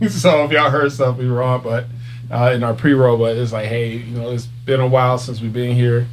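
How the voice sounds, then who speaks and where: A man's voice: mid-range voice, flat delivery, moderate pace. A middle-aged man, hosting a live podcast in loose, chatty talk with easy laughs. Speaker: podcast host. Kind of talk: casual live-stream chat. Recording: faint hum behind.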